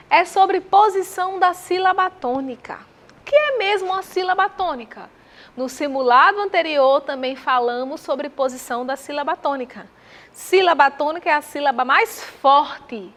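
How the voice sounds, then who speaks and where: A woman with a Brazilian accent teaching Portuguese, walking through exam answers with rhetorical questions and slow repetition of terms. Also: high voice, expressive, fairly bright tone. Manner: didactic, asks the viewer rhetorical questions; spells out terms slowly and repeats them.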